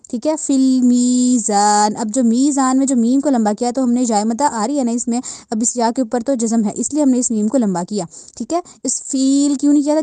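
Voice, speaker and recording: A patient woman teaching Quran recitation, explaining each letter's sound step by step. Her voice is fairly high but darkly mellow, recorded close and dry with no room around it. She repeats points and checks in often. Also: no echo. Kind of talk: tajweed lesson with slow drawn-out recitation.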